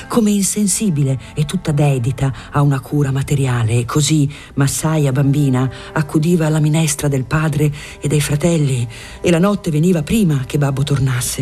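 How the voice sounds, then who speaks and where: A measured literary audiobook narration that sinks into whispers at tender moments, read in a breathy voice. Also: mid-range voice, dark tone.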